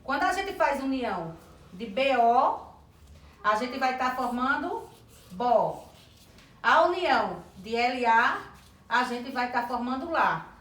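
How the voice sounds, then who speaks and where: Woman educator, high pitch, clear instructional delivery that spells out sounds slowly; roomy echo on the track. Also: lively intonation, a bit bright. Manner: slow, deliberate sounding out of words and letters. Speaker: teacher trainer. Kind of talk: instructional lesson on early literacy. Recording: echoey room.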